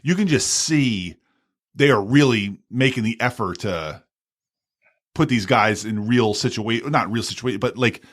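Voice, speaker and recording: A man's voice: mid-range voice, unhurried, a bit bright. A man co-hosting a podcast, chatting casually about a movie and often stumbling over repeated words. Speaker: podcast co-host.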